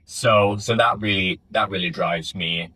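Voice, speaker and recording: In a Finland office, a young startup founder answers interview questions about his company in a low, husky voice with a bright, forceful tone. He speaks thoughtfully, pausing with fillers and restarting sentences. The audio is dry and close-miked, with little room echo.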